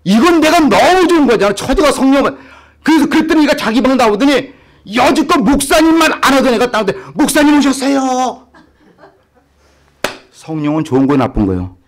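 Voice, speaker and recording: Lively, animated man preaching a sermon. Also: high-pitched. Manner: animated, acts out quoted voices, asks the congregation questions. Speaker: pastor. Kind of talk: storytelling sermon.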